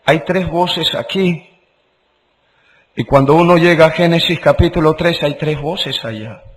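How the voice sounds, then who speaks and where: A man preaching a sermon, emphatic and deliberate, repeating phrases and swinging between loud exclamations and hushed low passages. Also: rough recording.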